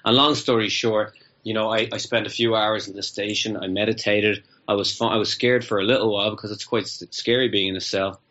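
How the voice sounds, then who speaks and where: Man, lowish voice, animated storyteller, muffled lo-fi recording. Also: a little fast. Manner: animated, acts out both sides of dialogues. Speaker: guest. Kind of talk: casual anecdotal storytelling. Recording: muffled lo-fi audio.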